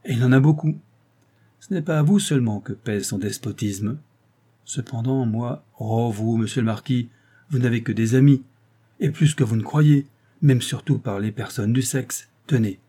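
A man voicing a sly, scheming older lawyer who flatters and insinuates in an audiobook. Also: medium pitch, husky, close to an everyday voice. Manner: wheedling and insinuating.

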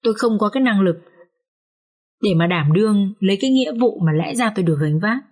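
A woman narrating an audiobook story in the first person, with a slow, sorrowful telling. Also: mid-range voice, animated, darkish tone. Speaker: audiobook reader.

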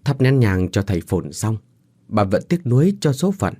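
A man narrating a horror story with an expressive delivery, voicing every character himself. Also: lowish voice, moderate pace, slightly rough, no echo, clean studio sound.

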